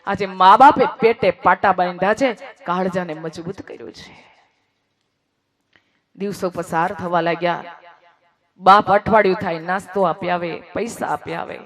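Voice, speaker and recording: A speaker telling an emotional moral story, swinging between hushed passages and raised, emphatic lines and repeating phrases for effect. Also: mid-range voice, fairly even intonation, moderate pace, pauses often.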